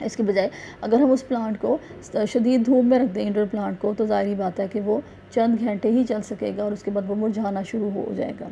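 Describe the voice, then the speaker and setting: A woman teacher talks students through a revision lesson in a gravelly, mellow voice. She speaks haltingly, stretching out fillers and correcting herself mid-word. She patiently repeats key points and backs them with examples. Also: mid-range voice, steady tone, dull audio, a little hiss or hum. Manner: halting, with many drawn-out fillers and self-corrections.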